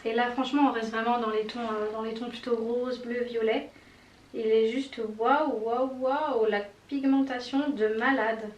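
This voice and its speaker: A woman's voice: a little high, steady tone, unhurried, lo-fi sound. A woman doing a casual makeup tutorial, chatty and enthusiastic with many fillers and little exclamations. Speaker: beauty vlogger. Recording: roomy echo, mic at a distance, faint noise.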